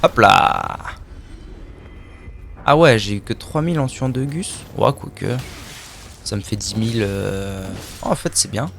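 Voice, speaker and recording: A man's voice: on the low side, measured pace, vocal fry, long pauses, fairly bright tone, a little hiss or hum. A man streaming a video game live, chatting casually with his viewers, joking and swearing as he plays. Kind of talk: live gameplay commentary.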